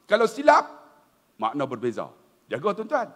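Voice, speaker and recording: A middle-aged man with a Malaysian accent giving an animated, humorous religious talk. He keeps addressing the audience directly. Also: high voice, normal speed. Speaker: religious lecturer. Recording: long hall reverb.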